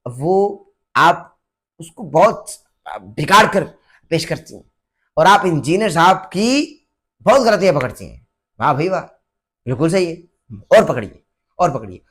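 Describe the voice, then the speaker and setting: A man's voice: a little high, fairly bright tone. A man speaking to camera in a preachy, repetitive way, issuing a challenge and urging someone to repent. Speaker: online religious commentator and vlogger. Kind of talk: direct-to-camera challenge vlog.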